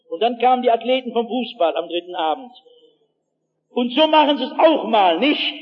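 A man with a high voice preaches to a gathered audience. He tells his stories with drama, drops to near hushed tones, then rises to loud calls, and keeps turning to the listeners with direct asides. The sound is dull and lo-fi, like an old archive tape. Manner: dramatic storyteller, swings from hushed to shouting. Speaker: pastor. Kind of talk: evangelistic sermon with personal anecdotes.

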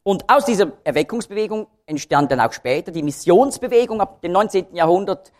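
Lively-voiced man teaching the Bible. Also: sits high, fairly quick. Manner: explanatory, with emphatic repetition of key phrases. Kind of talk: Bible study lecture.

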